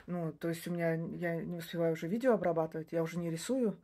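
A woman in her forties, a native Russian speaker and social media creator, chats casually into a close-up phone camera in a small indoor room. Her voice is fairly low, steady and mellow, and she talks quickly. She rambles, restarts sentences and slips in short laughs between points.

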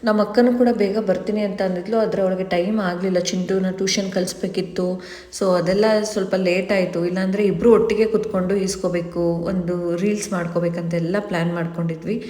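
A family vlogger in her thirties from Mysuru, India, narrates casually, telling chatty, rambling stories. Her voice is lowish and warm, fairly even in intonation and a little quick, recorded in an echoey, reverberant room.

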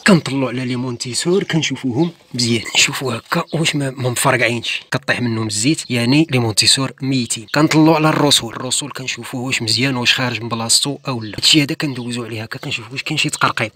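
A man with a Moroccan Arabic accent giving a hands-on walkthrough, quick and conversational, pointing things out as he works beside a car outdoors. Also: medium pitch. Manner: fast, conversational, points things out while working. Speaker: car mechanic channel host.

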